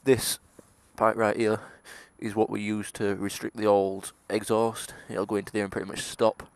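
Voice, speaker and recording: A late-teen motovlogger from England with a broad Yorkshire accent chats casually while riding his scooter outdoors, laid-back and laughing now and then. His fairly low voice is gravelly, level in tone, and at normal speed in a dry recording, with faint engine and traffic noise behind.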